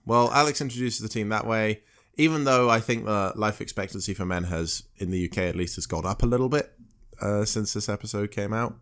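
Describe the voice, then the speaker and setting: A man co-hosting a podcast in casual chat, talking haltingly with many fillers and restarts as he recaps a TV episode. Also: lowish voice, fairly bright tone. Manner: halting, filler-heavy, self-correcting. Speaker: podcast co-host.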